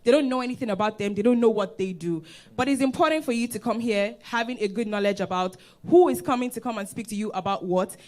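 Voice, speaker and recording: A woman co-hosting a conference, earnestly urging the audience to engage and learn. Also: a little high. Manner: earnest and motivating, direct to audience. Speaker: conference co-host. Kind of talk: stage hosting, encouraging address. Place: conference stage before an audience.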